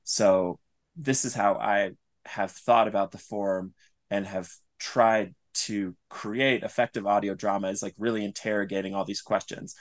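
A man, an audio drama writer, is interviewed about his craft and reflects on his creative thinking in an earnest, wandering, analytical manner. He talks unhurriedly in a fairly low voice with fairly even intonation.

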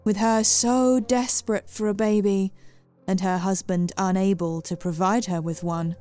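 A woman's voice: medium pitch, fairly even intonation, unhurried, dark tone, faint music behind, close to an everyday voice. Woman putting on a crackling old hag. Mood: menacing. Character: wiry old female hag, menacing and smug.

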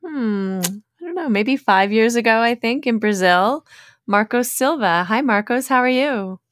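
A woman's voice: on the high side, expressive, unhurried, fairly bright tone, a little hiss or hum. A woman hosting a podcast, giving introductions in a casual, conversational style. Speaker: podcast host.

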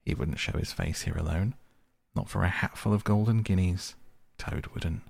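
A man voicing a good-natured, brave water rat who talks calmly and reassuringly. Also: low voice, normal speed, vocal fry, breathy edge, no room sound, heavily acted. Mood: brisk. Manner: calm, reassuring and hearty.

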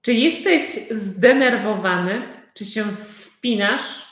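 Woman teacher, very slow, simple repeated questions, echoey room. For a language-class host. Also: medium pitch. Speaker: Polish conversation teacher. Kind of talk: live online conversation class.

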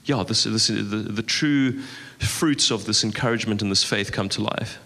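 A man with a somewhat low but bright, forceful voice reads scripture passages and then expands on them, often repeating words as he goes. He is co-leading a church teaching. A long reverb trails behind him, as in a large hall. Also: moderate pace. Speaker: co-preacher.

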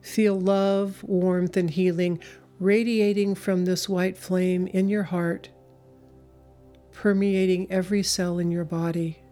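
A woman leading a guided meditation in a slow, soothing, hypnotic way, with long pauses between phrases. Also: lowish voice, level tone, dark tone, faint music behind. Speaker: spiritual speaker and meditation leader.

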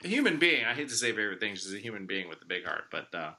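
Bright-voiced American man hosting a podcast. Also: on the low side, sing-song, fast. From Chicago, United States. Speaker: podcast host. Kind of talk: casual chat.

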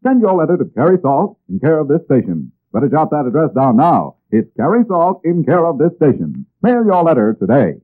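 A man in the style of an old radio announcer, reading a scripted sales pitch and addressing listeners directly like a salesman. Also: wildly swooping pitch, fairly quick, few pauses. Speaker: announcer reading sponsor ads. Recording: tinny, band-limited old radio recording.

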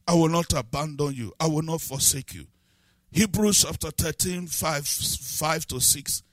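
Male pastor, high bright voice, sing-song preaching that swells into shouts, dry close sound. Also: dry recording. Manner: preaching with rising shouted emphasis. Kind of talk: sermon.

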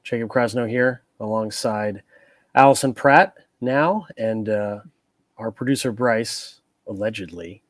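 Male podcast host, low voice, tipsy casual chat, dry close recording. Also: a little slow, no room sound. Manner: loose, tipsy rambling.

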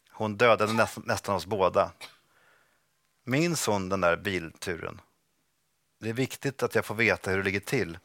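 A man reading a first-person passage from his own book aloud, slow and restrained, over a video call. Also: fairly low pitch, sharp tone, no echo, studio quality.

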